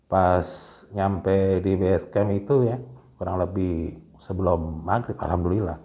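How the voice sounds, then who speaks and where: A man telling a story in a casual guest chat, lively and slangy, full of restarts and asides. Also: low-pitched, measured pace.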